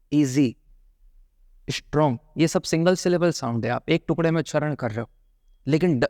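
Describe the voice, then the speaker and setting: A male grammar teacher with a gravelly, voice, recorded dry and close. He talks in a chatty way, stretching out example words one by one for his students. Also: mid-range voice, darkish tone, dry recording. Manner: chatty, drills examples slowly, calls viewers brother. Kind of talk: exam-prep grammar lesson.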